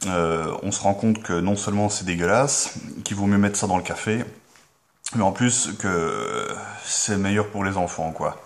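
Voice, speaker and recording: Deadpan Belgian man, low voice. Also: a little hiss or hum. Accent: Belgian French. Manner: hesitant, full of filler sounds, with sudden mock-outraged yelps. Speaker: comedy vlogger. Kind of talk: deadpan comic monologue to camera.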